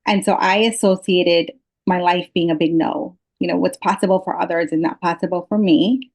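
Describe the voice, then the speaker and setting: A woman's voice: lowish voice, steady tone, normal speed, darkish tone. A woman from Pakistan talks as a podcast guest, explaining her personal views and experience in an earnest, reflective way. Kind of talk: reflective personal interview talk.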